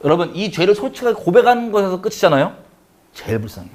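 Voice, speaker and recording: Korean guy teaching bible study, talks real fast, kinda high voice, keeps asking the room questions. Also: big pitch swings. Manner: fast, conversational, asks the listeners questions.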